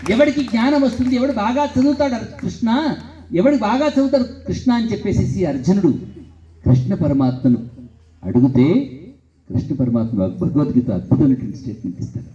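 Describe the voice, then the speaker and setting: A motivational speaker addresses students in a school hall, telling animated stories full of repeated phrases. His voice is high-pitched and a little fast, and the sound is lo-fi.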